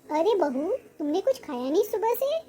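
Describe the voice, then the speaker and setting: A woman voicing a gentle, patient older mother-in-law in a cartoon-style family drama, speaking in a soothing, placating way. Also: very high-pitched, big pitch swings, moderate pace, noisy background.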